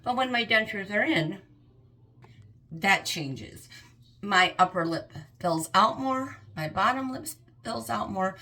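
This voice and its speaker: A woman's voice: medium pitch, lively intonation, slow pace, pushed and bright, low-quality recording. A woman in her fifties speaking candidly and earnestly to camera in a personal vlog. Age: 50s. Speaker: vlogger.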